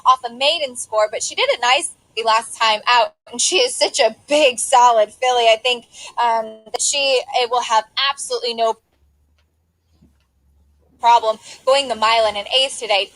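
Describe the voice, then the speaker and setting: A high-pitched woman breaks down a horse race with knowledgeable, chatty analysis while fighting the hiccups. The sound is dry and close, with no room around her. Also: expressive, moderate pace, a bit bright, no echo, low-quality recording. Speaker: racing analyst. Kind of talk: horse racing handicapping chat.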